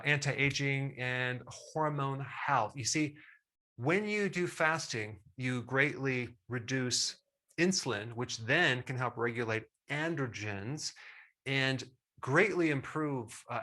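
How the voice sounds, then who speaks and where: A middle-aged man with a bright, forward voice talks straight to the viewer about health. His delivery is enthusiastic and emphatic, with a mid-range pitch and casual asides. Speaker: health educator host. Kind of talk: direct-to-camera health talk.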